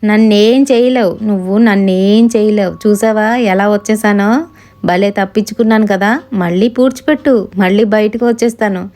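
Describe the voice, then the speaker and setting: A woman voicing a gleeful male spirit possessing a girl, taunting slowly and loudly. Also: mid-range voice, fairly even intonation, close to an everyday voice. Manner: taunting, slow and loud.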